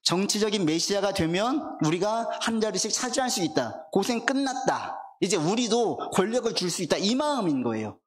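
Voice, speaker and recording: Lively Korean pastor preaching a Sunday sermon. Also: male voice, high-pitched. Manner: lively preaching, asks the congregation questions and answers them; reads scripture aloud slowly. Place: church sanctuary.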